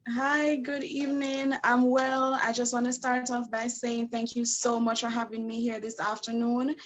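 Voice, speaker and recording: A woman's voice: a little high, little pitch movement, moderate pace, slight background noise, low-quality recording. A woman with a Jamaican accent speaking in a friendly, candid way as an interview guest. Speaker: guest graduate. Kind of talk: conversational interview.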